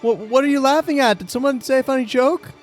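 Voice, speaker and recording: A man's voice: very high-pitched, fast. A man playing a tabletop game, speaking casually in improvised role-play with the group. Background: music.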